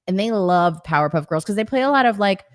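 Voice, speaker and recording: Female co-host, thirties, lively pitch swings, teasing and playful casual banter. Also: quick pace. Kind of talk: casual live-stream chat.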